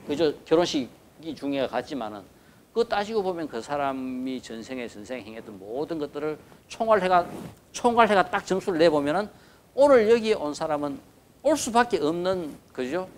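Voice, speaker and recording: A man's voice: fairly high pitch, slight background noise. A man with a Gyeongsang accent giving a dharma lecture on a Buddhist scripture. He stresses key words and keeps asking the listeners to agree. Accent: Gyeongsang Korean. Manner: emphatic, repeats key words.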